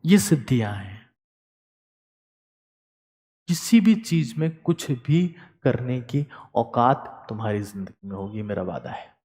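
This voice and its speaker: In a large hall, a teacher delivers a motivational lecture about studying, emphatic and repeating key words while swinging between loud and soft. His mid-range voice is animated, and he speaks slowly with long pauses.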